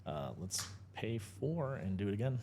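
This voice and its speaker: A man calmly calling out his plays in a card game, with hesitant pauses. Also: lowish voice, a little hiss or hum. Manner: methodical, hesitant with "uh". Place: indoor gaming table at a convention.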